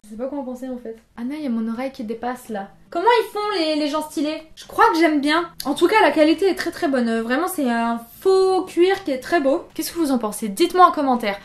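Young french woman doing a clothing haul, high voice, joking around, roomy echo. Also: expressive, fast talker, few pauses. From France. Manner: chatty and jokey, self-mocking asides. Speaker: fashion YouTuber. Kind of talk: casual try-on haul chat. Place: room indoors under artificial lights.

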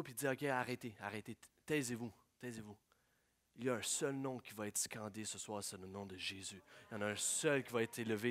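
A pastor with a mid-range voice preaches a sermon, swinging between hushed, prayerful lines and loud, excited storytelling.

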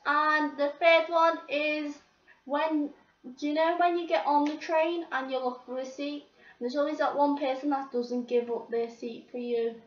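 A teenage girl vents her pet peeves to camera with plenty of swearing. Her voice sits high and she talks at an unhurried pace. The sound is roomy, a bit distant from the mic and dull, like a cheap home recording. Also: fairly even intonation. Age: teens. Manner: swearing, exasperated complaining. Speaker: vlogger. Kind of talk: ranting to camera.

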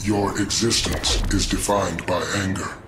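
An actor playing a cold, superior alien android villain in a video game, formal, emotionless and menacing. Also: male voice, sits low, steady tone, unhurried, over loud music. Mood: cold, detached.

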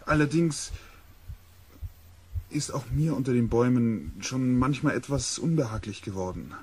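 An actor playing an uneasy, brooding male expedition member in a German radio play, with a very husky voice. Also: mid-range voice, normal speed, a little mellow. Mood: foreboding.

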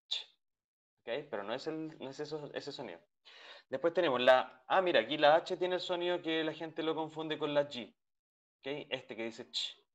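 A man teaching an English class over a video call, patiently repeating each sound and checking in with his students. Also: fairly high pitch. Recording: dull lo-fi call audio.

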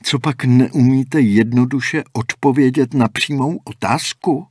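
An impatient young athlete, voiced by a man, pushing his questions in a raised, exasperated tone. The voice is somewhat husky and breathy, and the recording is dry and close. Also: medium pitch, a little mellow, no room sound, voice pushed up, lightly acted. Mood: irritated, impatient. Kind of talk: audiobook character voicing.

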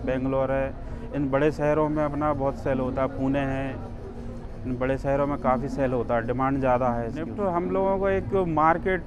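A man's voice: fairly high pitch, dull audio, background noise. A man in his thirties, a handloom sari weaver, explaining his craft plainly in an interview at an exhibition stall on a lapel mic. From Madhya Pradesh, India.

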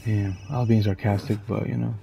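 A man's voice: fairly low pitch, level tone, a little fast, vocal fry, mellow, faint music behind. A young man giving casual, slangy commentary while playing a horror game, jumpy and easily spooked. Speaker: gaming streamer. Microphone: headphones with mic.

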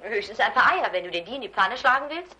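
A woman's voice: a little high, animated, fast talker, pushed and bright, slightly rough, heavily acted. A woman dubbing a doting middle-aged wife and new grandmother in a German film, fussing and cooing.

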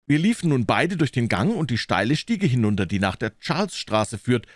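Lively man reading a story. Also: mid-range voice, moderate pace, no echo, clean studio sound. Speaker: audiobook reader. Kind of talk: first-person story narration.

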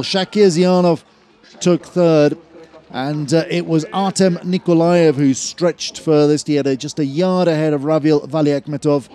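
A man commentating on a cross-country ski race, measured and full of fillers, rising in energy near the finish. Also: a little high, mellow. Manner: measured, hesitant with frequent fillers, builds at the finish. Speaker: sports commentator.

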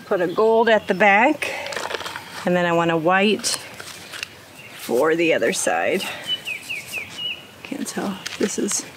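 A middle-aged woman with a lowish, animated voice hosts a homestead vlog, chatting casually as she works in an outdoor garden. She speaks slowly and pauses often, with outdoor noise in the background.

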